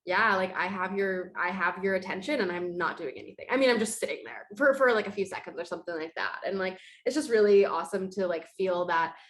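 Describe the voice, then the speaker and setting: A woman's voice: lowish voice, quick pace, few pauses, a bit bright. A woman in casual podcast conversation, talking in an earnest, reflective, chatty way.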